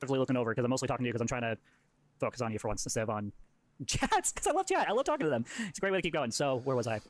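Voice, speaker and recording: A man's voice: mid-range voice, sing-song, racing, no room sound. A man chatting casually as a streamer, in a rambling, conversational way. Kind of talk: casual chat.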